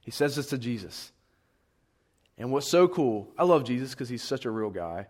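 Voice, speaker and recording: A man's voice: medium pitch, big pitch swings, moderate pace, darkish tone. A young man giving a casual, conversational Bible teaching in an earnest, encouraging way.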